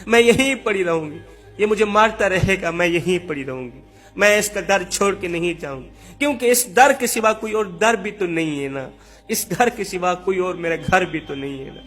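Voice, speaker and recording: A man's voice: high voice, lively intonation, fairly bright tone, faint music behind. A man voicing a grieving, mistreated young wife who pleads tearfully and repeats herself. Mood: pleading.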